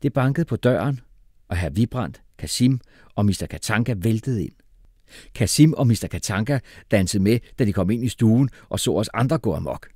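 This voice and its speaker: A man reading an audiobook with expressive, animated storytelling. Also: on the low side, no room sound, studio quality. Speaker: audiobook narrator.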